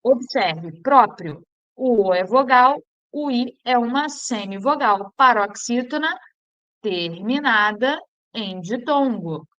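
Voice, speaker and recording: A woman teacher with a Brazilian accent giving an exam-prep grammar lesson. She drills students with repeated questions and slows down to spell out each rule. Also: a little high, lively intonation, bright, forceful tone, highs cut off. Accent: Brazilian Portuguese.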